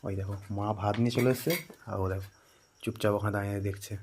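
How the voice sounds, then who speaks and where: Bengali man, low voice, casual home vlogger, shifts between hushed asides and loud calls, faint noise behind. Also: fairly even intonation, quick pace. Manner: chatty, often drops to a hushed murmur, calls out loudly to his dog. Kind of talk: casual home vlog narration. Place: home, indoors.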